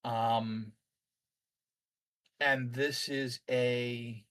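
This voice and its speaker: A man's voice: mid-range voice, little pitch movement, drawn-out words, a bit bright. A man improvising narration as game master of a tabletop roleplaying game.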